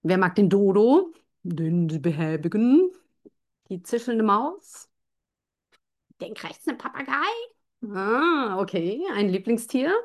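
A woman's voice: medium pitch, very animated, slow pace, pauses often. A woman hosting a live interview, asking questions and speaking to listening pupils. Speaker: host.

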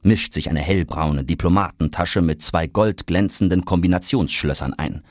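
A man narrating a children's audiobook in a lively, expressive way. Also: low voice, moderate pace, dry recording, clean studio sound.

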